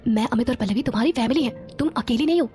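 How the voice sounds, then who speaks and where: A woman's voice: fairly high pitch, fast talker, dark tone, natural voice. A woman narrator voicing a friendly, inquisitive young man. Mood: sympathetic.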